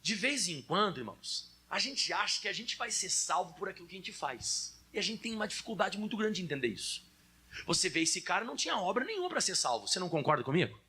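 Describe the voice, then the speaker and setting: A man's voice: sits high, sing-song, fast, bright, forceful tone, breathy edge. A Brazilian man preaching a sermon in a conversational way, speaking straight to his congregation. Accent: Brazilian Portuguese.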